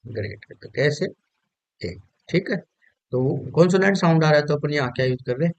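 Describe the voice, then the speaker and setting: A man's voice: on the high side, a little mellow, no echo, poor audio. A male teacher giving an exam-prep grammar lesson, explaining step by step and putting questions to students that he then answers himself. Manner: reads quiz sentences slowly and drawn out.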